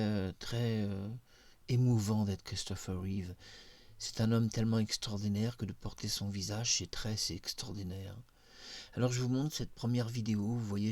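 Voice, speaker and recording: A man talks casually to his camera, explaining and gushing with plenty of hesitant fillers. His voice sits low. The recording is close and dry, with no room sound. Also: a little mellow, no room sound. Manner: enthusiastic, explanatory, many hesitations. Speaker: video creator demonstrating a face mask software. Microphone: own microphone near the face.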